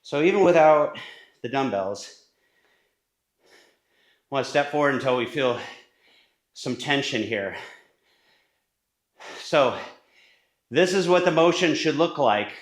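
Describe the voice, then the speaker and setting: A man's voice: medium pitch, lively intonation, takes it slowly, long pauses. A man giving casual workout instruction in his home gym, now and then short of breath, sometimes moving away from the camera mic. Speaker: fitness coach. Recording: echoey home gym room.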